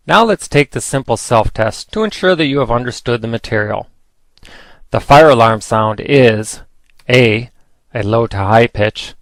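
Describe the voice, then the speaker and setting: A man narrates scripted training material in a formal, instructive manner. The recording is close and dry, and his pitch sits in the middle for a man. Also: no room sound.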